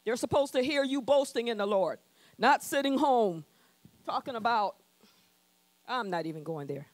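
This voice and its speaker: Woman pastor preaching with bold call-and-response, high lively voice, dry close sound. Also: moderate pace, no echo. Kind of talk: sermon. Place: church sanctuary.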